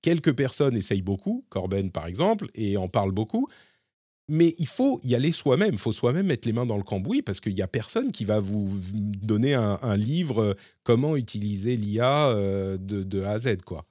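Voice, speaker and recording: A man's voice: fairly low pitch, big pitch swings, moderate pace, dark tone, no echo, clean studio sound. A man hosting a casual tech podcast, chatting as he explains and demonstrates tools live. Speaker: podcast host.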